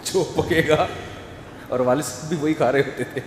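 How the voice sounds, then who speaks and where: A man delivers an animated sermon and acts out family scenes. His voice sits fairly high for a man. It rings through an echoey hall with a long reverb tail. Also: slight background noise. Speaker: preacher. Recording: echoey hall, faint ambience.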